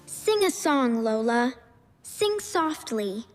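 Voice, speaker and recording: A woman voicing an excitable, bossy young girl babysitting her baby brother in a slow learner's story. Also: a little high, faint music behind. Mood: busy. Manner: exclaiming, bossy, clearly enunciated.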